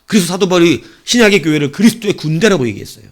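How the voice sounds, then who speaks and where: Male pastor, evening sermon, expressive rising and falling delivery, storyteller. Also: high voice, rapid-fire. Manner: animated storytelling, swinging between loud and hushed; acts out voices of people in his story.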